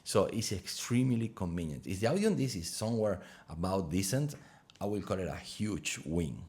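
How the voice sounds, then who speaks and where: Low-voiced man reviewing a mic. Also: expressive, moderate pace, darkish tone. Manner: chatty, loose phrasing. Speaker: gear reviewer. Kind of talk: casual product review. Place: home room with open window. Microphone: wireless lav mic under test.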